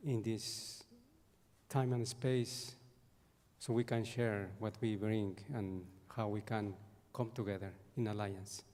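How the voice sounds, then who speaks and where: Slow, deep-voiced man from central Mexico. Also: steady tone, a little mellow. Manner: slow and measured. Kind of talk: ceremonial greeting. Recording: long hall reverb.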